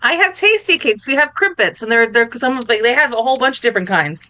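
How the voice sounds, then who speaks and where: Co-host, woman, Philly/North Jersey accent, bright and high, eager rambling talker. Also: expressive, fast, no echo. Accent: Philadelphia and North Jersey. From Philadelphia area. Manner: enthusiastic, laughs often, rambling food descriptions. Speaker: podcast co-host. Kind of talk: casual chat.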